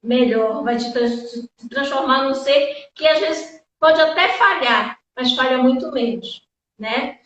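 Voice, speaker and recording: A woman's voice: sits high, takes it slowly, a bit bright. A woman hosting a live chat in an effusive, rambling, thankful way, heard from a distance. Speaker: live-stream host. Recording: echoey, distant, dull sound.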